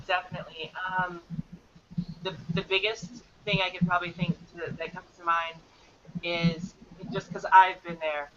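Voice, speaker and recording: A woman's voice: lowish voice, bright, forceful tone, muffled recording, slight background noise. A woman, a guest wrestler, chatting in a casual podcast interview with an upbeat, easygoing manner. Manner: upbeat, laughs easily.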